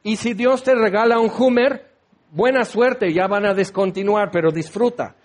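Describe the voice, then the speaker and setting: A man's voice: sits high, normal speed. A man preaching a sermon, acting out quoted voices and firing rhetorical questions.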